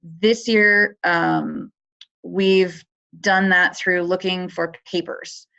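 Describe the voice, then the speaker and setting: A woman with a fairly low, gravelly voice presents a webinar. She walks through her slides in a conversational way with plenty of fillers. Her audio comes through dull and lo-fi, like a computer mic. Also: steady tone, extremely slow, sharp tone. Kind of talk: explaining a competition on a webinar.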